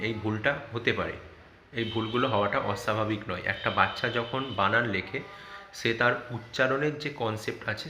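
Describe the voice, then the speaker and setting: A man's voice: medium pitch, sharp tone. A man speaking with a Bengali accent, a teacher patiently explaining to parents how to check a child's spelling, spelling words out letter by letter. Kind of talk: online lesson guidance for parents and tutors. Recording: echoey room with faint background noise.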